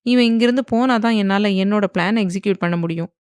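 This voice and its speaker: A woman's voice: mid-range voice, fast talker, a little mellow, clean tone, no room sound, clean studio sound, close to an everyday voice. Irritated, scheming young wife, as a narrator puts her on. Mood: exasperated. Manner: exasperated, grumbling.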